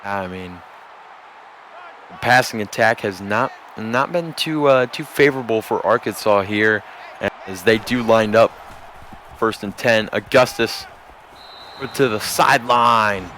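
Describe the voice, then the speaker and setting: Male play-by-play caller, unhurried delivery, erupts on scoring plays. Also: lowish voice, slight background noise. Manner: measured, bursts into shouting on big plays. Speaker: play-by-play commentator. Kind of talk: sports commentary.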